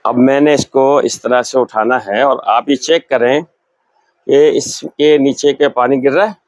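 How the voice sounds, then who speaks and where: The speaker is an older Pakistani leather shop owner presenting his goods in a sales demonstration, talking them through as he shows them. His mid-range voice is steady and a little slow, picked up echo-free by a lapel mic in the large shop.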